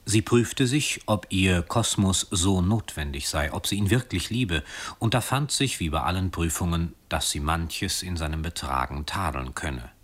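A man reading a literary story aloud in a calm, expressive way with soft, hushed passages. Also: low-pitched, normal speed, slightly rough. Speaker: reader.

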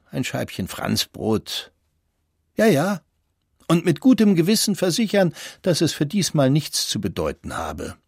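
A man narrating a classic novel as an audiobook, with measured and expressive storytelling. His voice sits at an ordinary male pitch and is recorded dry and close, with no room sound. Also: no echo. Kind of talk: scripted literary narration.

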